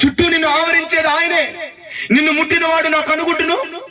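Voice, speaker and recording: A man preaches in a very high, sharp and forceful voice, heard from some distance off the mic. He works the congregation with call-and-response, asking question after question and urging them to shout amen and clap. His delivery is exhorting and insistent. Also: flat delivery, fairly quick. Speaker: pastor. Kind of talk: sermon. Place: church gathering with congregation.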